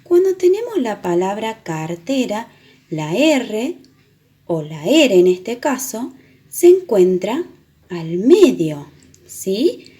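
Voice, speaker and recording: Slow, patient woman teaching letters. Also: mid-range voice, very animated, warm tone. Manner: patient, explains step by step, repeats words slowly. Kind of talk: children's reading lesson.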